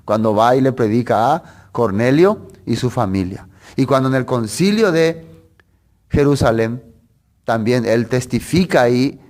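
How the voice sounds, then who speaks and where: A man preaching a sermon that teaches through a Bible passage in a conversational way. He asks rhetorical questions and corrects himself as he goes. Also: medium pitch.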